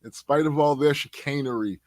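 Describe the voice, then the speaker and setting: A man co-hosting a casual podcast, talking in an animated, slangy way and laughing often. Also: a little high, brisk, no room sound. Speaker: podcast co-host.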